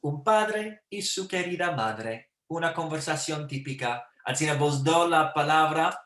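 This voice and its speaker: A man hosting an online talk series over a video call, making friendly, unhurried introductions. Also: on the high side, fairly bright tone. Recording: roomy echo.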